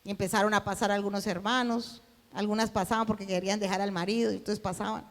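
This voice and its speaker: A woman's voice: medium pitch, steady tone, fast talker. Woman preaching in an echoing hall. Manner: storytelling, acting out dialogue, rising to shouts. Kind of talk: sermon testimony.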